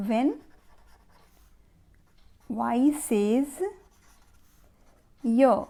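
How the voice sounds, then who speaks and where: Woman, phonics teacher, patient, slow, mellow. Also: medium pitch. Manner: slow, patient, repeating words for learners. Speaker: phonics teacher and channel host. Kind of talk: explaining pronunciation rules to children's parents.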